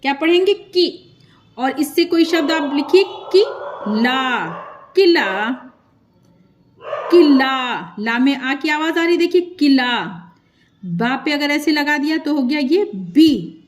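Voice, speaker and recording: A woman teaching a children's script lesson, slow and patient, stretching out syllables and repeating sounds for learners. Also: sits high, lively intonation.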